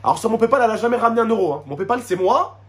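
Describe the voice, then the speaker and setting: Over soft background music, a man speaks very fast in a high voice with lively intonation, ranting emotionally to his YouTube subscribers. His French suburban street accent carries slang and Arabic interjections, and he repeats himself and poses rhetorical questions.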